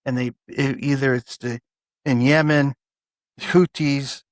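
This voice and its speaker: A man co-hosting a podcast in a casual political debate, talking excitably, swearing and stumbling over restarts. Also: medium pitch, slow, no room sound. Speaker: podcast co-host.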